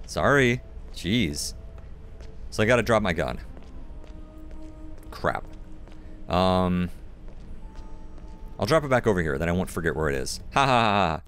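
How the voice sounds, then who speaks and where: A man's voice: deep voice, very animated, unhurried, pauses often, a bit bright. A man hosting a let's play video, giving a chatty running commentary with self-mocking asides. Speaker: gaming video host. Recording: commentary over game audio with music.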